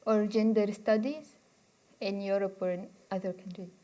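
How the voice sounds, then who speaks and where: A woman's voice: medium pitch, fairly even intonation, moderate pace, warm tone. A woman, giving a conversational university lecture and inviting the audience to interrupt with questions. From Egypt. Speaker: guest speaker.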